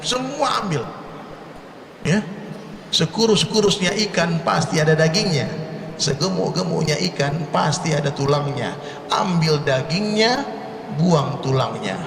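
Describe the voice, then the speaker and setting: Male preacher, from indonesia, joking with the crowd, rhythmic repetition, slightly high voice, faint room ambience. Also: animated, a little slow, gravelly, long pauses, a bit bright, roomy sound, big-room sound, recorded from a distance, slight background noise. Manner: jokey, addresses the crowd directly, rhythmic repetition. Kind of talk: humorous religious talk to a congregation.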